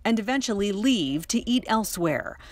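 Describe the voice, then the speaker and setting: A middle-aged woman reporter reading a scripted news voice-over in a steady, crisp delivery. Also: mid-range voice, normal speed, noisy background. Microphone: studio voice-over mic.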